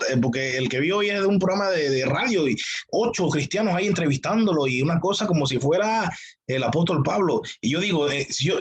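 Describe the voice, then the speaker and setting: A man with a husky voice, pitched a little high for a man, teaching a church theology class. He presses his points with emphatic repetition and rhetorical questions. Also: rough recording. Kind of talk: teaching sermon.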